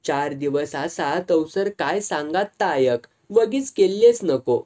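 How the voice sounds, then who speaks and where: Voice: medium pitch, expressive, takes it slowly, a little mellow. A reader voicing a blunt Malvani village woman. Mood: scolding. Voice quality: firm, scolding. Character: stern middle-aged village woman, blunt and caring.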